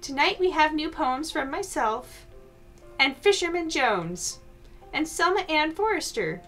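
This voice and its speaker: Woman playing weary art teacher, mock-formal poetry reading, lively pitch, slow. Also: soft background music. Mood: wry. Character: put-upon small-town woman art teacher.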